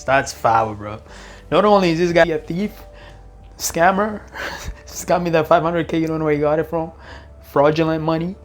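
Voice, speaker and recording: A man co-hosting a podcast, reacting to stories in laid-back slang, calling people "bro" and chuckling. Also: fairly high pitch. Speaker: podcast co-host.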